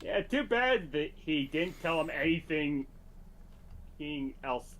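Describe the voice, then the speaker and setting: A man's voice: on the high side, expressive, unhurried, fairly bright tone. A man chatting casually on a reaction show, making dry, offhand remarks. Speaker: co-host.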